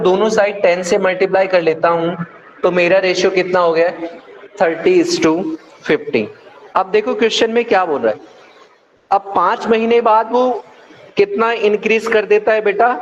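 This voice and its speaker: A man's voice: sits high, highs cut off, slight background noise. A man with an Indian English accent teaching a maths class online, calling students "beta" and answering his own questions patiently.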